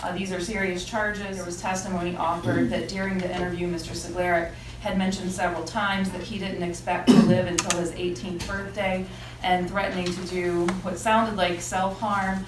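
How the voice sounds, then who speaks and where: A woman's voice: lowish voice, level tone. A woman prosecutor arguing formally with frequent hesitations, heard on a courtroom recording. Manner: formal, halting, lots of um and uh. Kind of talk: courtroom argument. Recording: echoey courtroom, distant mic, room noise.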